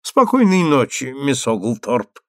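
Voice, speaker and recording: A grey-browed old critic with a creaky, scratchy voice, as a male audiobook reader plays him, drawling his words with dry mockery. His delivery swoops up and down. The sound is close and dry. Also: medium pitch, very animated, slow, a bit bright, no echo, full character voice. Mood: mocking. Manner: mocking, drawling. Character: elderly male theatre critic, dry and sardonic.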